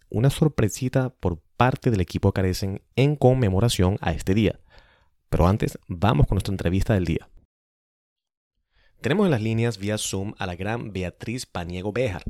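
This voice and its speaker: A man's voice: on the low side, warm tone, no room sound, clean studio sound. A man from Venezuela hosting a community radio show and introducing his guest in a formal announcer's delivery. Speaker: radio host.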